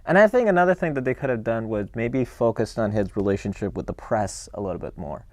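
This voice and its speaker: A young adult man co-hosting a podcast, talking about a film in a relaxed, eager way and chuckling now and then. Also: lowish voice, fast talker, no echo, studio quality. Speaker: podcast co-host. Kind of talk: casual chat.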